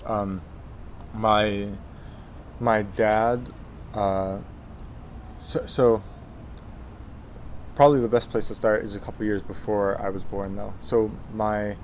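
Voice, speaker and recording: A man's voice: on the low side, little pitch movement, slow, long pauses, darkish tone, a little hiss or hum. A man in his twenties, born in Texas, telling his life story in a casual interview, with many fillers and restarts. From Texas, USA. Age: 20s. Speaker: interview guest.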